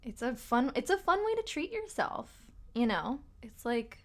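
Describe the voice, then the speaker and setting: A woman's voice: high voice, very animated, moderate pace. Tired-voiced young woman chatting on a stream. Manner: rambling, chatty, greets viewers, laughs often. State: tired, slightly rough voice. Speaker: livestream host and tarot reader. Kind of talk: casual livestream chat.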